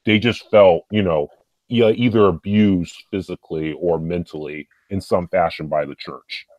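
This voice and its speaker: Man, very low voice, rambling filler-heavy talk, dry close sound. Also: moderate pace, darkish tone, no echo. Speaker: podcast guest. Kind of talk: casual podcast discussion.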